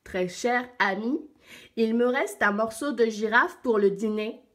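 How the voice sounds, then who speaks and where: A woman's voice: a little high, a little slow, close to an everyday voice. A woman voicing a greedy, sly crocodile writing a letter in a storybook, smug and savoring.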